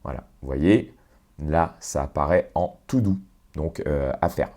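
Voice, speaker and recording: A man walking through a software automation on screen, explaining step by step with fillers and self-corrections. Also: a bass voice, a little slow. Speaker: tutorial presenter. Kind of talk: screen-share software walkthrough.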